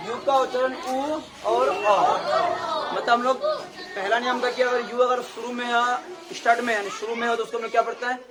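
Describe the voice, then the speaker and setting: A woman with a slightly high voice teaches an English pronunciation class at a moderate pace. She spells words out letter by letter and keeps asking whether her students follow. A noisy crowd makes the recording very noisy.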